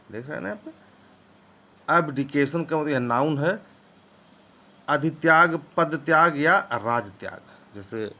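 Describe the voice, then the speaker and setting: A man gives an English vocabulary lesson at a mid-range pitch. He spells each word out slowly, letter by letter, and keeps checking that his students are following. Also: bright, forceful tone. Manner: spells words letter by letter, often asks "ठीक है ना?".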